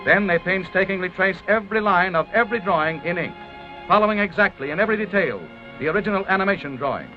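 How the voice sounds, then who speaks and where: This documentary narrator is an American man whose voice sits high and who talks fast, delivering a 1930s promo film script with formal, grandiose announcer flair. Orchestral music plays on the muffled period soundtrack.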